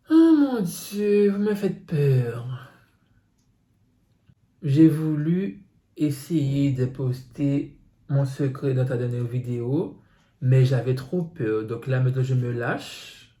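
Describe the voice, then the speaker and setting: A man's voice: medium pitch, unhurried, warm tone. A man reading out viewer secrets on his phone and reacting to them with teasing asides. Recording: roomy echo.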